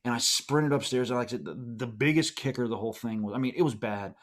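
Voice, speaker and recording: A man's voice: mid-range voice, fast. A middle-aged man with a Pittsburgh accent, co-hosting a podcast and telling a long self-deprecating story in a rambling, casual way. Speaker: podcast co-host.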